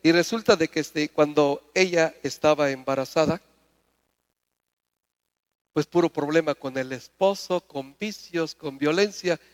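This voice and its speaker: A man with a high voice preaching to a congregation, his words ringing through a reverberant church hall. He keeps asking the crowd questions and pushes his voice up in pitch and volume to drive each point home. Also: a little slow. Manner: preaching with call-and-response questions, climbing loud and high. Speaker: pastor. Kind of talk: sermon.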